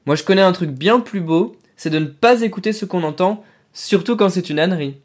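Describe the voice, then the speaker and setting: A hearty army captain tosses off breezy, mocking remarks, as a man voices him in a storybook reading. The tone is jovial and easy. The voice sits a little high. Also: a little fast.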